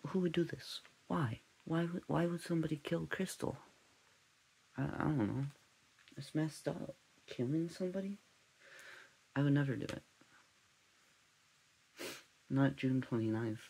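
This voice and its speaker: A man hosting a parody true-crime podcast, rambling and scatterbrained, drifting off on tangents in a deadpan way. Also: mid-range voice, a little slow, vocal fry, long pauses, slightly rough, poor audio. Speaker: comedic podcast host.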